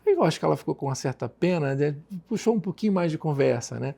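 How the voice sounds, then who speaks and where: A Brazilian man with a Brazilian Portuguese accent tells an earnest, devout story as a podcast guest. His voice is gravelly and warm, set a little high for a man. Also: lively intonation, quick pace. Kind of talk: personal storytelling in a podcast conversation.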